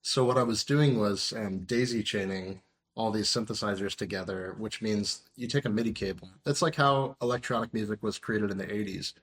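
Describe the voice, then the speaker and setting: A man in his thirties, a musician appearing as a podcast guest, chats casually in an interview, rambling and using plenty of fillers. His voice is lowish and a bit bright, and he talks at a normal speed.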